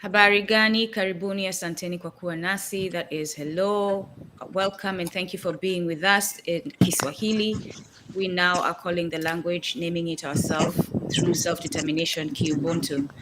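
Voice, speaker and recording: A woman co-hosting an online panel, speaking in a measured, firm way. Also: lowish voice, steady tone, very noisy. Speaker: co-host.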